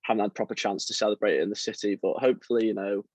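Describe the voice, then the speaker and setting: A young man from around Liverpool, chatting as a football writer guest in a relaxed, self-deprecating way with lots of fillers. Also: on the low side, very fast, husky, dry recording, muffled recording. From England, around Liverpool. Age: young adult. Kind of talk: casual interview chat.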